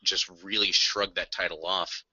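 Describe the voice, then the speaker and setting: Dude gushing on a music podcast, super bright sharp voice, dry dull audio. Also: male voice, sits low, flat delivery, normal speed, breathy edge, no echo. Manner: enthusiastic storytelling, earnest. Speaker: podcast co-host. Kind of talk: casual music chat.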